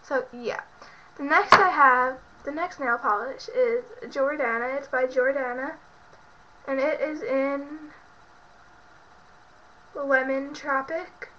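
Sick and congested, this young beauty vlogger chats in her bedroom about products, rambling with plenty of fillers. Her voice is high, pushed, and bright, with fairly even intonation, a slow pace, and frequent pauses. The built-in webcam mic gives muffled, lo-fi audio with a little hiss or hum.

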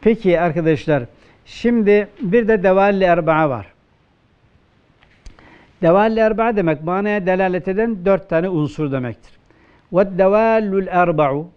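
A man with a Turkish accent, a religious teacher giving a classroom grammar lecture, who poses questions and answers them himself, and slows down to quote texts. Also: a little high, clear, resonant tone, lo-fi sound. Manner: asks questions and answers them himself, slow emphatic quoting.

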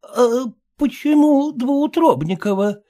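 A man voicing a solemn, stern elderly woman who speaks slowly and grandly. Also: lively intonation, mellow, heavily acted. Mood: dismayed. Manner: slow, high, stately delivery.

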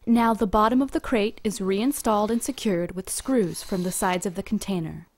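A woman reading a scripted instructional voice-over in an even, measured, step-by-step manner, recorded apart from the pictured workshop. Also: medium pitch. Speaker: company video narrator.

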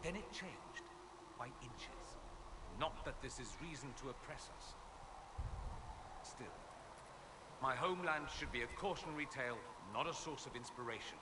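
A man's voice: medium pitch, lively intonation, normal speed, long pauses, recorded from a distance, very noisy, lightly acted. A man voicing a charming, haughty male noble mage in video game dialogue, proud and witty with theatrical flourishes. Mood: wry, proud.

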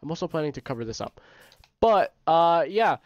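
A man with a stuffy nose giving casual, rambling gameplay commentary as the host of his own gaming channel, often correcting himself and getting excited. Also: a little high, moderate pace, no room sound. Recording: dry, slightly dull home recording.

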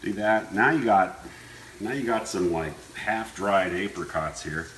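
A low-pitched man walks through a recipe in a loose, easygoing manner, chatting as he works. The room is echoey, and there is clear frying and stirring noise behind him. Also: unhurried, fairly bright tone. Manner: laid-back, easygoing, offhand. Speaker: home cooking show host. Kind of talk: casual cooking demonstration, talking while working. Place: indoor kitchen. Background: frying sizzle and stirring.

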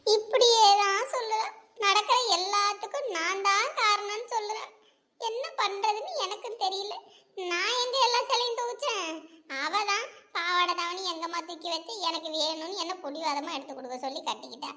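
A woman's voice: extremely high pitch, normal speed, pushed and bright, full character voice. A woman voicing a confused, frightened middle-aged mother-in-law in a cartoon, whiny and pleading. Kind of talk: cartoon voice acting.

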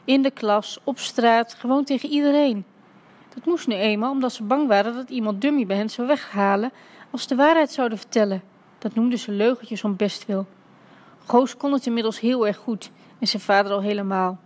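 A woman reading a children's book aloud in a lively storytelling manner. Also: on the high side, normal speed. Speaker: reader.

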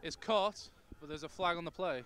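A man doing live play-by-play commentary outdoors, with quick play calls and agreeable interjections. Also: on the high side. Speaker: student sports commentator. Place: outdoors at a sports field. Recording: live crowd in background.

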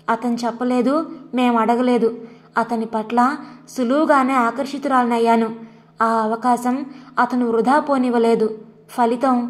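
A woman's voice: a little high, lightly acted. Woman reading as a bitter wounded aunt.

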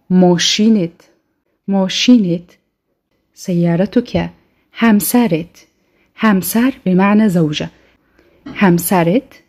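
Husky Egyptian woman teaching slowly. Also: fairly low pitch, mellow. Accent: Egyptian Arabic. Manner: slow, repeats each word twice for drill. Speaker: language teacher. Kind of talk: recorded online lesson.

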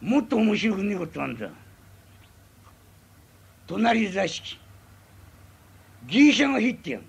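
A man's voice: high-pitched, expressive, slow, gravelly, long pauses, husky, exaggerated voice. A man voicing a sullen, brooding drunk townsman who grumbles curt replies in a Tokyo accent, in rakugo storytelling. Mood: sulky.

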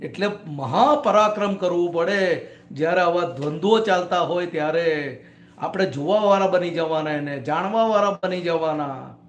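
In a private home, a spiritual teacher gives a discourse to a small gathering, often putting short questions to his listeners. His voice is a little high and moves at a normal speed. The room is echoey.

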